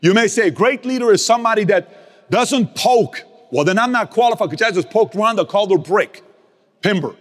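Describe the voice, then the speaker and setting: Speaking in a big-sounding room, a high-pitched man rallies his team with a motivational talk. He drives points home by repeating them, shifts from loud to quiet, and throws in slang and light swearing as their business leader.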